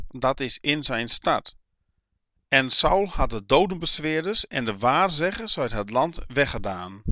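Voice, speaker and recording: A man reading a Bible passage aloud in a slow, measured, even way. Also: medium pitch, dry recording. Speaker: Bible reader.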